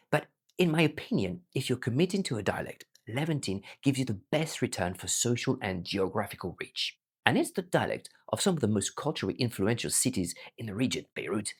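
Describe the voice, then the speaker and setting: Promoting their own learning platform, a teacher whose Arabic was learned as a foreign language delivers a scripted, emphatic explanation. The voice is low-pitched and slightly rough.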